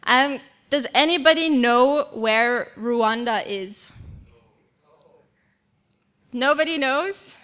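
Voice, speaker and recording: Young woman in her 20s, slow and smooth, relaxed guest talk in church hall, stand mic. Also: high-pitched. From Switzerland, raised in Singapore. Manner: friendly, relaxed, laughs easily. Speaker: guest speaker. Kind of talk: church talk about mission work.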